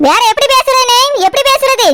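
A woman voicing a resentful middle-aged mother-in-law in a cartoon, speaking in a Tirunelveli Tamil accent with fast, accusing tirades. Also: extremely high pitch, noisy background. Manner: accusing, rapid angry tirades.

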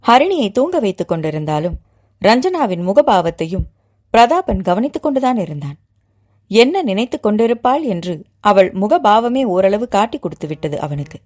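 Expressive woman narrating a novel. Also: mid-range voice, normal speed. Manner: expressive storytelling reading.

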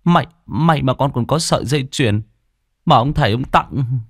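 A man voices a frightened young man hesitantly confessing, pitching a mid-range voice above his own natural one but keeping it close to everyday speech. He speaks at a moderate pace. The studio sound is clean, with no echo.

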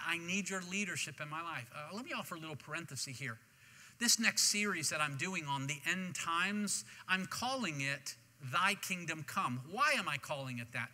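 Guy preaching in church, high bright voice, lots of restarts, big hall echo. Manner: animated preaching with repeated restarts. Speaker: pastor. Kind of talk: sermon. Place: church sanctuary. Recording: long reverb of a church hall.

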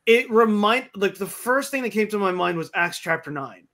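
A man's voice: high-pitched, expressive, normal speed, pushed and bright. A man in a casual discussion, speaking eagerly and correcting himself as he goes. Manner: self-correcting, eager speech. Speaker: discussion participant. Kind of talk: casual chat.

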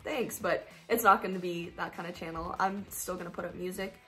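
A teenage girl from Colorado answers her viewers' questions in a casual Q&A vlog, upbeat and rambling with plenty of fillers. Her voice is fairly low and fairly bright, with a steady tone and a brisk pace. Faint music plays behind her.

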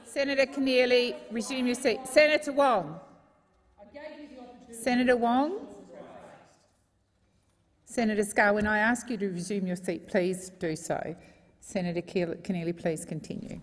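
A woman's voice: medium pitch, fairly even intonation, moderate pace. An Australian woman in her fifties presiding over a parliament, firmly calling speakers to order. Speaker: presiding officer of a legislature. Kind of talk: procedural chairing. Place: large indoor legislative chamber. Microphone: desk microphone while seated. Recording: reverberant parliamentary chamber.

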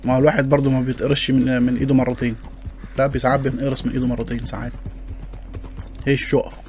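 A man's voice: mid-range voice, level tone, rapid-fire, a little mellow. A man with an Egyptian Arabic accent giving joking, chatty gameplay commentary and complaining to his viewers as he plays. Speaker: gaming channel host.

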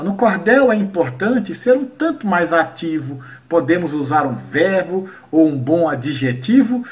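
Man teaching, recites verse in slow rhythm. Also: fairly high pitch. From Paraíba, Brazil. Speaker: cordel poet and workshop teacher. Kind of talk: online lesson for educators.

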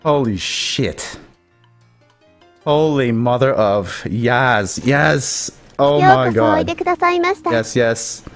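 A man's voice: medium pitch, very slow, pauses often. A young man streaming live, overexcited, stammering and laughing often between words. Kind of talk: excited live stream chat. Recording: faint background music.

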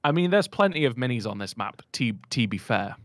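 A man's voice: mid-range voice, sing-song, fairly quick, dry recording. A man co-hosting a gaming stream, teasing and exasperated with dry humor. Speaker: gaming channel co-host. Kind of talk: casual gameplay banter.

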